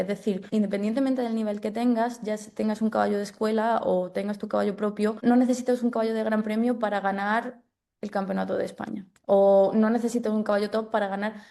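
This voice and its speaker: A woman who works as a sports development officer answers as an interview guest, conversational, explanatory and reflective, often checking that the listener agrees. Her voice is medium-pitched and warm.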